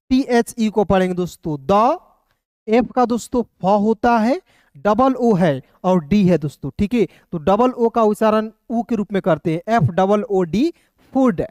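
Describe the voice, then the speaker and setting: Male English tutor, patient and repetitive, spells words out and quizzes himself; light voice, soft tone. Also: high voice, measured pace, no room sound. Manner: spells words out letter by letter, then asks and answers his own question; patient, repetitive, often says "clear" and "friends". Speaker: English teacher. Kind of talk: step-by-step spelling and pronunciation lesson.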